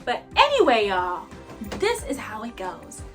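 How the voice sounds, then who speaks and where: A woman's voice: on the high side, wildly swooping pitch, unhurried, fairly bright tone, faint music behind, heavily acted. A woman playing a folksy rural southern male farmer who drawls and calls people honey and baby.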